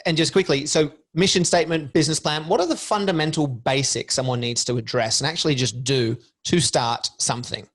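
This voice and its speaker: A man's voice: a little high, fairly quick, few pauses, fairly bright tone. Curious man asking long, winding questions. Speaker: interviewer host. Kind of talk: fireside interview.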